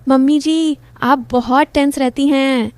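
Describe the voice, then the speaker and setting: A man's voice: extremely high pitch, fairly even intonation, slow, no room sound. Woman voicing a coaxing young son-in-law.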